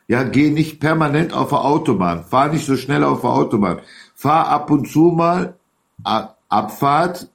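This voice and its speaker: Gravelly emphatic man. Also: a little high. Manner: emphatic, rambling. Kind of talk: heated political talk.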